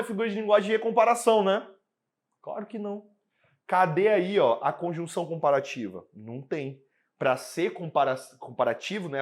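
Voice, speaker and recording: Brazilian man, young, teacher, chatty, lively, slightly high voice, quizzes the class. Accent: Brazilian Portuguese. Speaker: prep course teacher. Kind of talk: exam prep lesson.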